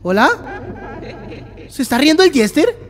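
A gameplay channel host who gives excited commentary, exclaims and jokes at the game, and reads the on-screen text aloud. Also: sits high, a little slow.

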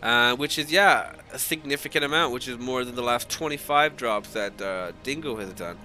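A man's voice: mid-range voice, moderate pace, sharp tone, soft background music. A man casting a live strategy game match, talking loosely in rambling play-by-play with swearing and restarts, his voice still groggy from just waking up. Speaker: esports caster.

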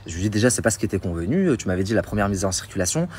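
A man's voice: on the low side, sing-song, racing, a little mellow, slight background noise. A man indignantly retelling a dispute in a casual phone story, recorded on a phone. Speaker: storyteller in a social media story.

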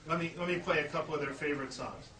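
High-pitched flea circus showman in a noisy room. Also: racing. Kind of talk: live stage comedy magic act with puns and audience patter. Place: live indoor show before an audience. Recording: noisy, echoey room, distant mic.

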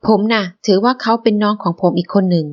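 A woman reading an audiobook, voicing a calm, firm young man who speaks level and emphatic. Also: medium pitch, fast, muffled recording, close to an everyday voice. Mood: earnest.

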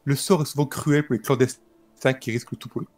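A man presenting a book and its history informally, in a calm, explanatory way. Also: medium pitch, fast talker. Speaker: guest presenter.

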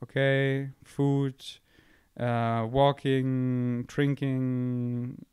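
This young man hosts a podcast from a couch indoors, drifting through a casual monologue in a playful, self-deprecating way as he thinks out loud into a close handheld microphone. His medium-pitched voice stays fairly flat and draws out its words, sounding a little mellow and smooth on a dry recording.

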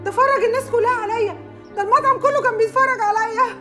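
An actress playing a jealous, hot-tempered young newlywed bride, speaking with an Egyptian Arabic accent in a quick, emotional, sharp-tongued way. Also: female voice, extremely high pitch. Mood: tearful. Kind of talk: film drama acting. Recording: film soundtrack music behind.

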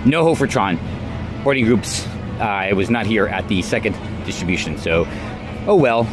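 A man's voice: fairly low pitch, lively intonation, moderate pace. A middle-aged man chatting casually to camera on a roller coaster outing at a theme park, musing aloud and correcting himself. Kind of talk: casual vlog chat. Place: outdoors at a busy theme park. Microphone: handheld action camera at arm's length. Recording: loud music behind outdoor speech.

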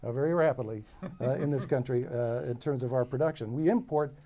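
Folksy man panelist, mellow voice. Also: medium pitch, brisk. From American Midwest. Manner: folksy, joking, repeats himself. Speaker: panelist, agricultural economist. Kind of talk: panel discussion. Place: lecture room with audience.

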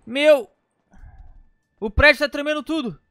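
A man's voice: very high-pitched, measured pace, fairly bright tone, no echo, clean studio sound. A man giving panicky, exclamatory gameplay commentary, often repeating words. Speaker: gameplay streamer.

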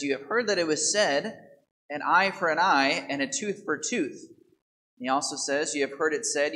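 A man's voice: fairly high pitch, pushed and bright, low-quality recording. A man in his thirties, a priest giving a daily Mass homily at a church pulpit microphone, explaining scripture and often asking the congregation rhetorical questions.

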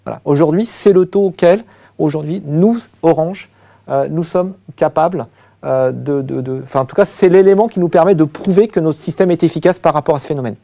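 A man on a webinar panel, speaking haltingly with many fillers. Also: a little high, gravelly, warm tone. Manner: halting, hesitant speech with fillers. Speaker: security expert panelist.

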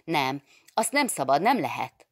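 Egy nő által felolvasott könyörgő, okos fiatal lány. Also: female voice, a bass voice, animated, gravelly, no room sound, studio quality, heavily acted. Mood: pleading. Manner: pleading, flustered yet clever. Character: composed 22-year-old schoolgirl, clever and sly.

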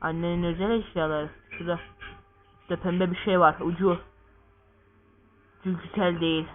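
A man's voice: sits high, level tone, normal speed, slight background noise. A man giving casual gameplay commentary, full of crude swearing and joking banter. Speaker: gamer. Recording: tinny lo-fi recording.

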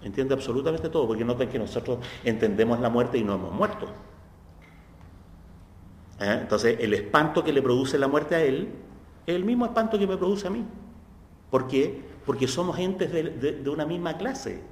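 A man's voice: animated, normal speed. A man with a Chilean accent giving a university philosophy lecture in a conversational way, checking understanding with tag questions and acting out quoted voices. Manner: acts out quoted voices with sharp pitch jumps. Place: lecture hall. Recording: echoey hall, faint background noise.

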